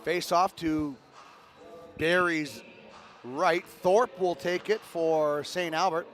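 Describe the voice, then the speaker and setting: A man calling live hockey play-by-play, brisk and rising with the action. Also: on the high side, fairly bright tone. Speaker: play-by-play commentator.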